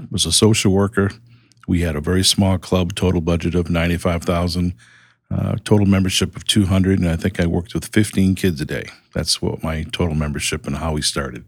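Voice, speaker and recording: A man's voice: low voice, no room sound, clean studio sound. A man in his sixties with a Boston accent, a guest speaking in a plainspoken, upbeat way in a casual interview. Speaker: guest, nonprofit CEO.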